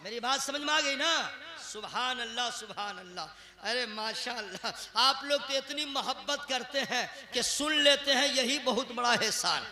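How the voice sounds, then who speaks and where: A man preaching a sermon to a large gathering, switching between shouted, chant-like refrains and chatty, joking asides with the crowd. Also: very high voice, animated, normal speed. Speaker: Islamic preacher. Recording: echoey PA sound.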